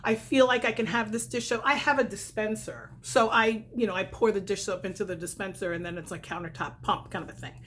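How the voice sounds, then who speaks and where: Speaking a little fast with few pauses, this middle-aged woman keeps a steady tone in a medium-pitched voice, and there is slight background noise. She's a vlogger and direct-sales consultant living in New York, United States, giving a rambling, candid, self-correcting product review with whistling, faintly spitty s sounds.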